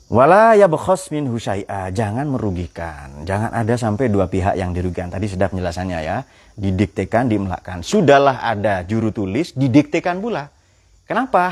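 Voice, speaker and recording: Husky low-voiced man teaching scripture. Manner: quizzes the audience with questions; lively, joking storyteller. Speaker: Quran exegesis teacher. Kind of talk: Quran exegesis lecture.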